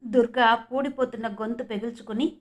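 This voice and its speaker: A woman from Andhra Pradesh reads an audio novel in a steady storytelling manner. Her voice sits slightly high. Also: normal speed. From Andhra Pradesh, India. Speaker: audiobook narrator.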